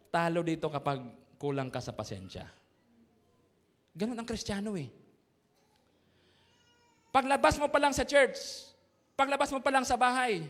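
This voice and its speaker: High-voiced Filipino man preaching in a church. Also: a bit bright. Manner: storytelling with jokes, acts out voices, laughs along. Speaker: pastor. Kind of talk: sermon. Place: church sanctuary. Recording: long church reverb.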